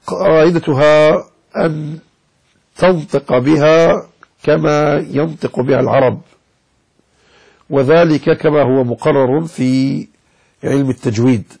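In this poorly recorded clip, a man with a fairly high, gravelly voice and a darkish, slightly rough tone teaches a religious lesson. He is a sheikh instructing in Maliki jurisprudence with a Moroccan Arabic accent. He talks to his audience directly as he explains a legal text and demonstrates pronunciations.

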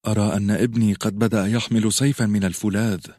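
A man's voice: fairly low pitch, flat delivery, quick pace, a little mellow, no room sound, studio quality, close to an everyday voice. A man voicing a resolute noblewoman who speaks firmly and decisively. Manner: firm, decisive. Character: resolute noblewoman mother, firm.

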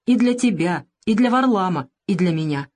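A woman's voice: lowish voice, expressive, moderate pace, a little mellow. A woman reading the part of a frightened young woman who sobs and pleads on the phone, in an audiobook. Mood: pleading. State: sobbing.

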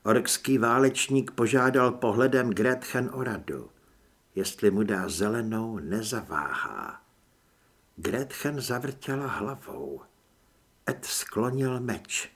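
A man's voice: medium pitch, a bit bright, breathy edge. A man narrating an audiobook in a dramatic first-person reading. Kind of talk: scripted narration.

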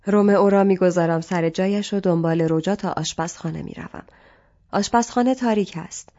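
A woman narrating a literary novel as an audiobook in a calm, measured reading. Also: fairly low pitch, lo-fi sound.

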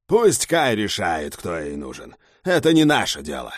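A hulking gang leader, voiced by a male narrator who talks blunt and rough, growling his words. His pitch swings widely, and the sound is close and dry. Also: wildly swooping pitch, unhurried, no room sound, full character voice. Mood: gruff.

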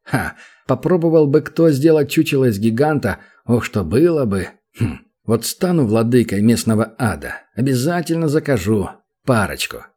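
A man narrating a fantasy audiobook in an even storytelling manner. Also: medium pitch, normal speed, slightly rough.

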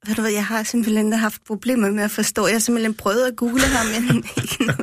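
A woman's voice: fairly high pitch, flat delivery, a little hiss or hum. A woman guest in a casual radio discussion, explaining her views at length with many restarts. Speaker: guest critic who speaks Russian.

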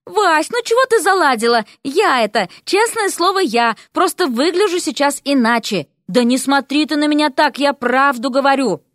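Woman playing weary young man, evasive, pleading, lively voice, storybook. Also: sits high, normal speed, few pauses, no echo, studio quality, voice pushed up. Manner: pleading, rambling.

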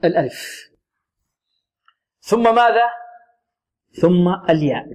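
A man teaching Quran recitation rules, asking questions and answering them himself, and drawing out the recited words slowly. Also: sits high, expressive, darkish tone. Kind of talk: tajweed lesson with recited examples.

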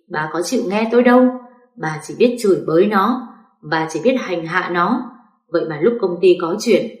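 A woman's voice: lowish voice, roomy sound, lightly acted. A woman doing a stern old father-in-law. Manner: scolding, reproachful.

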